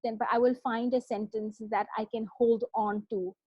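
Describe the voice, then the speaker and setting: A woman working as a parenting coach, giving a conversational talk on calming down, and she often asks "right?" as she goes. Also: a little high, moderate pace, no echo, muffled recording. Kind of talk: talk on self-regulation.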